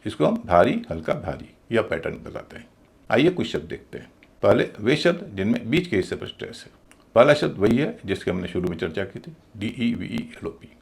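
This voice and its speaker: A man's voice: on the low side, sing-song, a little fast, gravelly. A man teaching English pronunciation, patiently explaining step by step, spelling words out letter by letter and repeating key words. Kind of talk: explanatory video lesson.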